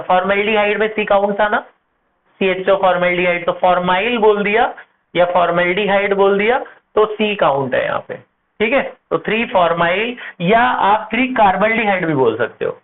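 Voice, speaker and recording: A man teaching chemistry at a board, asking his class questions and answering them himself, slowing down to spell out compound names. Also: sits high. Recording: tinny phone-like audio with faint noise.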